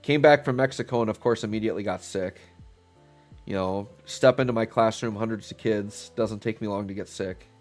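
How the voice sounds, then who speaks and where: A brisk speaker with a voice on the low side, this man sounds congested as he recovers from a cold. While live-streaming a game, he offers relaxed, wandering commentary, thinking out loud with fillers over faint background music.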